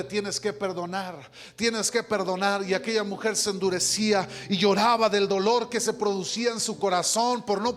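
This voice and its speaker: A man's voice: high voice, fairly bright tone. A male pastor in his thirties preaching a sermon, telling a story and often addressing listeners as brother. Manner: storytelling, calls listeners "hermano", builds to impassioned climax.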